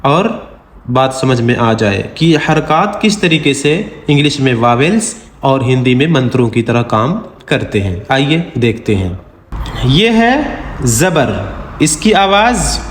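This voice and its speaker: A man's voice: on the high side, lively intonation, slow pace. A man teaching a beginners' Quran reading class step by step, repeating sounds and asking rhetorical questions. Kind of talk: slow step-by-step lesson. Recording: echoey room with long reverb, faint hiss.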